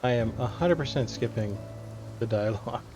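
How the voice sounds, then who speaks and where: A man's voice: medium pitch, normal speed, music in the background. A man streaming a video game, chatting casually and laughing easily with his friends. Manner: easygoing, laughs often. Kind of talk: casual gaming chat.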